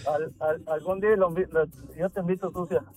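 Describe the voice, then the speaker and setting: A man's voice: high voice, steady tone, a little fast, heavy background noise. A man from Guatemala calling into a radio show, answering briefly and hesitantly. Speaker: caller. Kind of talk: casual chat on a radio call.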